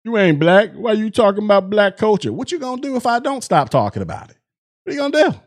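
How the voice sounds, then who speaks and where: Animated young man ranting on his podcast. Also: high voice, fast. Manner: animated, repetitive restarts, colloquial slang. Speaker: podcast host. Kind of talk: casual solo commentary.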